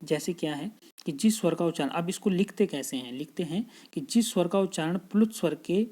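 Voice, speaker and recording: A man's voice: fairly high pitch, lively intonation, a little fast, warm tone. A man teaching a grammar lesson patiently, repeating each point and checking in with his students. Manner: patient, repeats points, frequent "theek hai" check-ins.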